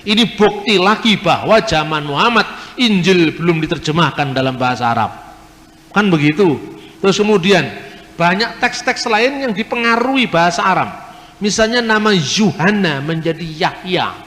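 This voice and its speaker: A man's voice: high voice, lively intonation, moderate pace, a bit bright. A man giving an explanatory lecture, spelling out sounds and letters one by one to make his points. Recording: long reverb of a hall.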